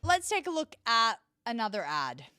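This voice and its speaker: A woman's voice: a little high, huge pitch swings, moderate pace, sharp tone, smooth. A woman hosting her own show, giving opinionated commentary with an emphatic, scornful tone and lots of rhetorical questions. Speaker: political commentary host.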